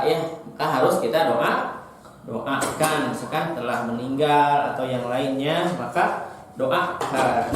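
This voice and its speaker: A teacher with a Sundanese accent giving a patient lesson to primary school children, repeating key words and asking them questions. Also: mid-range voice. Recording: echoey room recording.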